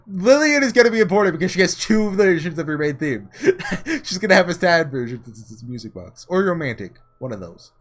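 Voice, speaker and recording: Here the host's voice is high and sing-song, running a little fast. He plays through a visual novel casually, reading its text and musing out loud informally.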